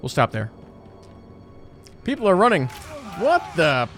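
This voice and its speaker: A man's voice: sits high, wildly swooping pitch, measured pace, a bit bright. A man in his thirties streaming a game, chatting casually in a joking, self-mocking, rambling way. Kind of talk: casual chat. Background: game music.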